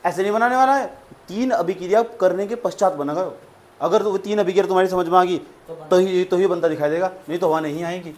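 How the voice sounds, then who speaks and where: High-voiced man teaching a class. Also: quick pace, a little mellow. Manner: repetitive, drills terms, quizzes students. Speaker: science teacher. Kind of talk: classroom lecture. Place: classroom with students.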